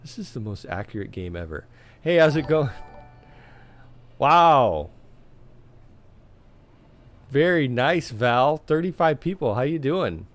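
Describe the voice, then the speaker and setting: A man live-streaming a role-playing game, reading on-screen dialogue aloud in a casual, chatty way. His voice is medium-pitched and a little worn, as if he is losing it. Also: big pitch swings, takes it slowly, pauses often. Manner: casual, chatty, laughs often, reads dialogue in plain voice.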